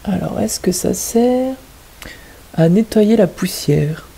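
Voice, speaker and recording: A woman's voice: mid-range voice, animated, slow pace, creaky, dark tone, husky, low-quality recording. A woman teaching kindergarten children, patiently stressing each word and syllable. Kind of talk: teaching young children at home.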